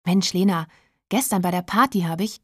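A woman's voice: lowish voice, normal speed, breathy edge, no room sound, clean studio sound. A woman voicing a chatty, self-absorbed teenage schoolgirl in a storybook reading, gushing and whiny.

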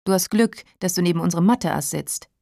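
A woman voicing a stiff, sarcastic middle-aged male schoolteacher in a storybook reading, with a lowered, dark voice. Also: fairly quick, vocal fry, dry recording, studio quality. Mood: condescending. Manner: mocking, then flustered.

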